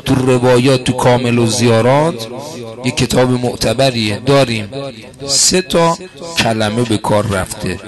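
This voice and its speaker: A man preaching a mourning sermon to a gathering, explaining calmly and then rising into impassioned, wailing cries. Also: mid-range voice, over music. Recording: crowd audible behind.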